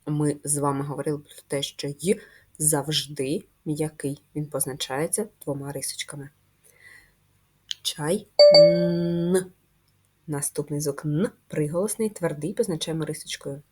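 Woman, first-grade teacher; low, husky voice, patient and slow, stretches each sound. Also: steady tone, a little mellow. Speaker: primary school teacher. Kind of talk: video lesson for first graders.

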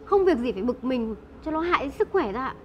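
A young actress playing a sly young woman who flatters an older mother. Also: high-pitched, quick pace, dull audio, slight background noise. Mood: flattering. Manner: sweet-talking, flattering, sharp when accusing.

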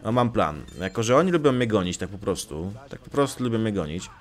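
A man's voice: fairly low pitch, big pitch swings, brisk. A young man casually commenting on his gameplay, joking, swearing lightly and talking back to the game characters. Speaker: let's play gamer.

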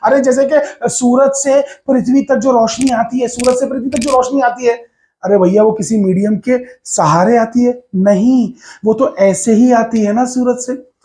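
Man, physics teacher, mellow voice, emphatic, repeats key words. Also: very high-pitched, fairly even intonation, unhurried, a little hiss or hum. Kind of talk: whiteboard physics lesson.

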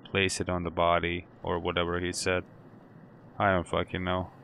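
A man's voice: low-pitched, monotone, normal speed, gravelly, fairly bright tone, slight background noise. A man hosting a horror game playthrough, jumpy and swearing, talking to himself and to the game as he plays. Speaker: gaming channel host. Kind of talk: let's play commentary.

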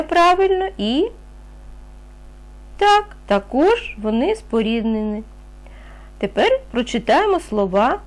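A woman teaching a reading lesson to young children, patient and encouraging, asking questions and answering them herself. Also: a little high. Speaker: primary school teacher.

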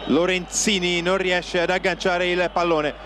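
A man with a high, level voice, speaking a little slowly, gives play-by-play for a football match, using clipped phrases and calling out players. He's in an outdoor stadium stand, on a noisy outdoor TV broadcast.

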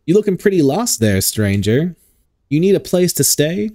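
A man's voice: fairly high pitch, sing-song, normal speed, dark tone, voice pushed up. A man voicing a flirty southern hostess with a drawl, sweet-talking and calling people sugar. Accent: Southern US (put on).

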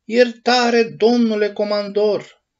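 Male narrator as storybook puppet boy: high, earnest, pleading; dull lo-fi sound. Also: level tone, clear, resonant tone, natural voice. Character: small wooden puppet boy, pleading and brave.

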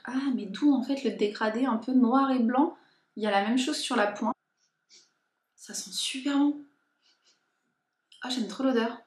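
A young woman chatting casually in a haul and unboxing vlog, informally and hesitantly, thinking aloud as she goes. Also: a little high. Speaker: lifestyle and beauty vlogger. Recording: echoey room.

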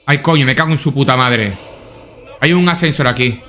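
A man's voice: medium pitch, brisk, pushed and bright. A man doing casual let's-play commentary, swearing often and thinking aloud to himself. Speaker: gaming YouTuber.

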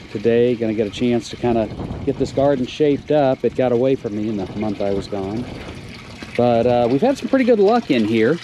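Walking around his farm, a man shows off his fish-and-plant aquaponics system in a relaxed, step-by-step narration full of hesitations and "uh"s. He speaks at a medium pitch. The sound comes from a wearable action cam outdoors, noisy and filled with the ambience of flowing water.

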